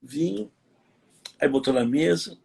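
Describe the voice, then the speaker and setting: A pastor in his middle years tells a heartfelt story in a live interview, his voice strongly husky and raspy, set a little above the usual male pitch. He talks earnestly and leans on fillers as he goes. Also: lively intonation, a little slow, a little mellow. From Brazil. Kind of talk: personal testimony in a live interview.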